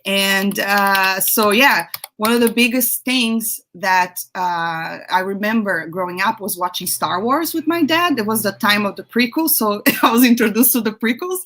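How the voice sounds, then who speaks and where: A young woman from Brazil, a guest in a casual interview, chatty and laughing often, with halting restarts. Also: mid-range voice, a bit bright. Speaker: guest, YouTube creator.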